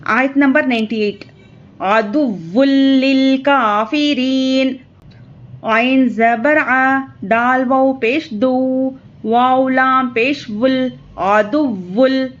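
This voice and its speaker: A woman teaching Quran reading, spelling syllables slowly and drawn out, with quick explanations of the rules in between. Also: high-pitched, highs cut off. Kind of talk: slow letter-by-letter spelling lesson.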